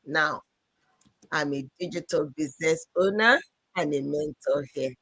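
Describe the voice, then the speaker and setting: A woman from Nigeria introducing herself in a measured way on an online panel. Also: sits low, fairly bright tone, breathy edge, no echo. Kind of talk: casual panel chat.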